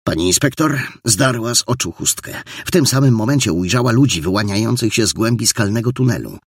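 A man's voice: on the low side, expressive, a little fast, breathy edge, no room sound, studio quality. A man narrating an audiobook with dramatic storytelling. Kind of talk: scripted narration.

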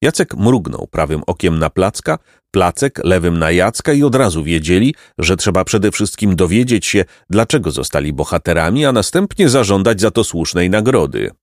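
Male storybook narrator, low voice with a lively, swinging melody, very dry close sound. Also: normal speed, hardly any pauses, no room sound. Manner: expressive, lilting reading.

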